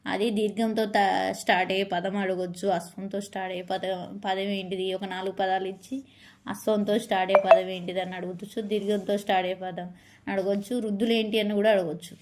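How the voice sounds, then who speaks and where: Against slight background noise, a woman with a mid-range, somewhat mellow voice teaches flatly for exam prep. Letter by letter, she repeats the alphabet slowly, drawing each one out.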